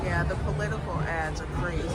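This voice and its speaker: A woman's voice: fairly low pitch, steady tone, fast. A woman hosting a livestream, chatting casually and jokily with viewers while walking outdoors through a theme park. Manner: jokey, informal. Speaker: livestream host. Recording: loud crowd and outdoor park noise.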